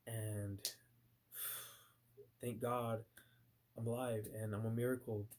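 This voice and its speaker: A man's voice: on the low side, flat delivery, takes it slowly, a little mellow, slight background noise. A man telling a personal story in a casual, rambling way, full of fillers and restarts, sometimes acting out his past reactions. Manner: voices his own past reactions in bursts. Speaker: vlogger recounting a nightmare.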